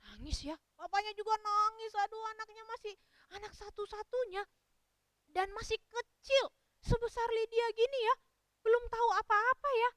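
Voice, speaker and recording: Brief: female Sunday school storyteller, very high voice, lively, dry close recording. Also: moderate pace, no echo. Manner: lively, addresses the children directly. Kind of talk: storytelling for children.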